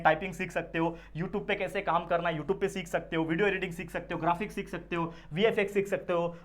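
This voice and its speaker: A young man, an online tutor, talking straight to students with earnest advice and frequent check-ins. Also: sits high. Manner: earnest, addresses students directly with frequent checks like "theek hai na". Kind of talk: direct-to-camera advice talk.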